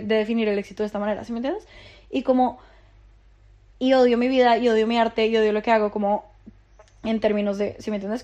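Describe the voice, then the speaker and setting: A woman's voice: on the high side, darkish tone. A young woman, hosting her own podcast in a rambling, profane monologue full of filler words. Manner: rambling, profane, heavy use of filler "como". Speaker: podcast host.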